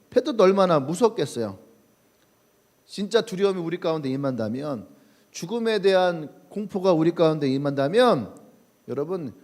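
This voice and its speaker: Animated male pastor preaching. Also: high-pitched. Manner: animated storytelling, acting out quoted voices. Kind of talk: sermon. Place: church sanctuary.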